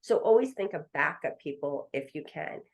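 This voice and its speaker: Woman, middle-aged, attorney guest, podcast storytelling, acts out quoted voices, slightly low voice. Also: expressive, moderate pace, gravelly, muffled recording. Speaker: estate planning attorney guest.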